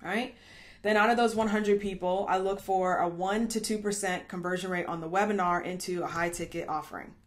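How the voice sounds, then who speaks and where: A woman with a fairly low voice teaches a marketing training class, chatty and upbeat. She keeps checking in with her listeners and thinks out loud, correcting herself mid-stream. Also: fairly even intonation, fairly quick. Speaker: online marketing coach. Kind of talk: live training lesson.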